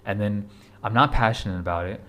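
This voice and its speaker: A young man in his twenties speaking straight to his viewers in a casual motivational vlog. His voice sits a little low. He talks with blunt urgency, circles back to the same points, and swears casually. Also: brisk, fairly bright tone, slight background noise. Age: 20s. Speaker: fitness vlogger. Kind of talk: casual motivational talk to camera.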